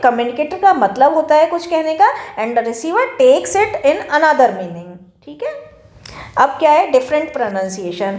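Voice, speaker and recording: An Indian woman teaching a class, her voice pitched high. She works through each point slowly in Hindi threaded with English terms, taking the English phrases especially carefully. The sound has a noticeable echo from the room. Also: darkish tone. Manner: explains in Hindi mixed with English terms, slow deliberate English phrases. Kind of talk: classroom lecture. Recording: echoey room.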